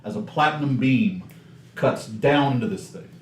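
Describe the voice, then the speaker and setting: A Southern man narrating a tabletop game with a lively, swinging voice. He laughs easily and keeps the table moving. The room around him is echoey. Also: medium pitch, moderate pace, a little hiss or hum. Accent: Southern American. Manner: animated, laughs often. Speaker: game master.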